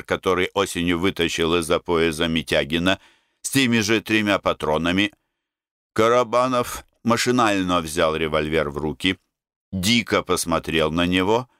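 A man reading literary prose aloud as an audiobook narrator, in a measured, calm, deliberate way. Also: deep voice, clear, resonant tone, no echo, studio quality.

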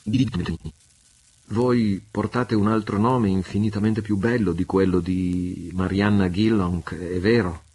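A man voicing a proud, fierce pirate prince who speaks with a low, muffled intensity. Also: steady tone, measured pace, a little mellow, slightly rough. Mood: intense.

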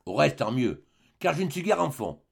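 A man's voice: medium pitch, very animated, moderate pace, gravelly, husky, heavily acted. A man reading an audiobook, voicing a wild, mocking young woman in a raised voice. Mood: laughing. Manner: mocking, playful.

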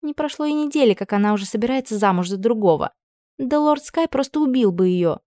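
A woman voicing a sharp-tongued young lady's maid who gossips in a dry, sarcastic way. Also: fairly high pitch, animated, brisk, no echo, pitched above the performer's own voice, natural voice. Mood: scornful.

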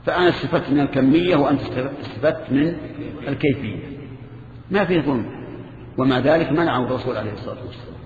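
An older man, teaching a religious lesson in a conversational way, with halting restarts and questions to his students. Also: mid-range voice, a little hiss or hum. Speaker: Islamic scholar teaching a lesson. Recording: echoey hall, muffled lo-fi archive tape.

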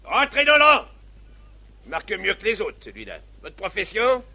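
Martinet captain for farce: bright, high, forceful drill-sergeant delivery, sarcastic and pompous. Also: male voice, wildly swooping pitch, moderate pace, creaky, heavily acted. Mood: sarcastic severity. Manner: drill sergeant bark, clipped commands, mock politeness. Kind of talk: theatrical stage farce acting.

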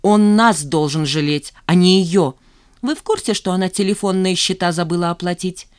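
A woman's voice: lowish voice, normal speed, clear, resonant tone, close to an everyday voice. Woman doing an indignant scolding office worker. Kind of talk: audiobook character voice.

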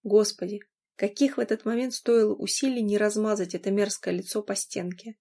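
A woman's voice: mid-range voice, fairly even intonation, a little fast, warm tone. Woman narrating a dramatic audiobook. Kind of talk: first-person audiobook narration.

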